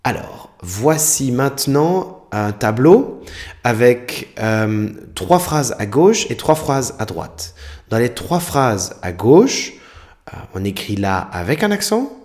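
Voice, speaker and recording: A man's voice: mid-range voice, very animated, slow pace, darkish tone. A man teaching a French spelling lesson, explaining examples carefully and spelling out letters.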